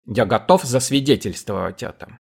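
A man's voice: mid-range voice, lively intonation, moderate pace, vocal fry, slightly rough. A man doing an irritable, scheming doctor. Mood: irritated. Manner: irritable, sharp, sarcastic.

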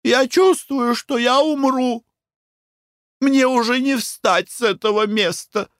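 Male reader doing a melodramatic young lady, plaintive high wail, dry close sound. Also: slow, fairly bright tone, no room sound, exaggerated voice. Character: young woman feigning dying, theatrical.

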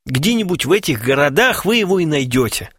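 A man's voice: a little high, big pitch swings, fairly quick, a bit bright, breathy edge, no echo, studio quality, pitched above the performer's own voice, heavily acted. A man voicing a sly, sarcastic young schemer who teases and scolds, in an audiobook. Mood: false cheer. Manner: teasing, sarcastic. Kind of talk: audiobook character voice.

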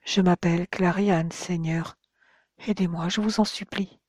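A reader voicing a very young, ghostly cursed woman who pleads in soft whispers with old-fashioned courtly address. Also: mid-range voice, fairly even intonation, measured pace, dry recording, lightly acted. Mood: pleading whisper. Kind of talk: audiobook character voice.

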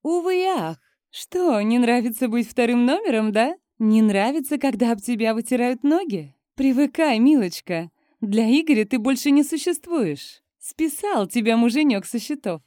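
A woman voicing a smug, scheming young woman who taunts her rival sister, pitched above her own reading voice. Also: lively intonation, normal speed, hardly any pauses, dark tone, no echo, clean studio sound, close to an everyday voice. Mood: mocking. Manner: mocking, taunting.

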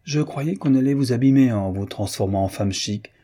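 A man's voice: medium pitch, normal speed, dark tone, close to an everyday voice. A man voicing a chatty, teasing aristocratic Parisian woman in an audiobook, with a mocking, gossiping manner. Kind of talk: audiobook reading.

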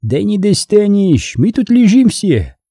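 A man doing a cocky shouting enemy commander. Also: big pitch swings, normal speed, breathy edge, dry recording, studio quality, heavily acted. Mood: jeering. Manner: shouting, raised pitch. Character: cheerful cocky male enemy commander, bossy.

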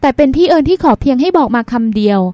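A vain, teasing young woman from an audiobook story, as the woman narrator puts her on. She sounds high and light, coaxing and joking. The recording is dry and close. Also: animated, racing, mellow, no echo. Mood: playful.

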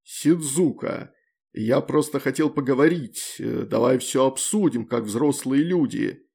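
A jilted demon lord from an audiobook, proud and drunk, dragging out his words and swinging between pleading and shouting, as a male narrator plays him. The voice has a gravelly, creaky edge. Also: medium pitch. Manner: slow, loud, accusing and pleading.

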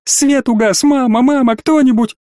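Breathless squeaky young woman in a panic, voiced by a male audiobook reader, high and thin. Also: normal speed, darkish tone, no echo, clean studio sound. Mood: panicked.

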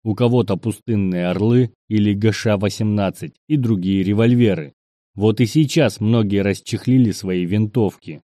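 A man narrating an audiobook in a steady, measured way, raising his voice for the characters' shouts. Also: on the low side, no echo, studio quality. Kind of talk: scripted narration.

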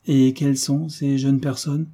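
Voicing a cool, commanding young heiress in an audiobook, a man gives firm, clipped orders. His mid-range voice has a dark tone, little pitch movement, and a measured pace.

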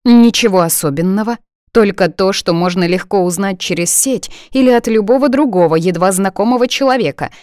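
A woman's voice: mid-range voice, a little mellow, no room sound, clean studio sound, pitched above the performer's own voice, lightly acted. A woman reading an audiobook voices an anxious young female friend who talks in an agitated, pleading way. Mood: defensive. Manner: agitated, pleading, quick to panic.

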